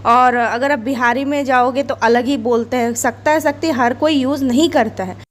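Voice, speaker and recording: A woman's voice: high-pitched, fairly even intonation, normal speed, a little hiss or hum. A woman giving a chatty spoken English lesson to camera, explaining points with everyday examples. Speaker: English teacher.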